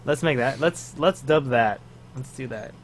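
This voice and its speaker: A man's voice: medium pitch, measured pace, a little hiss or hum. A man co-hosting a casual podcast, rambling through stories and acting out quotes as he goes. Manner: rambling, animated retelling with acted-out quotes. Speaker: podcast co-host. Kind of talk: casual chat.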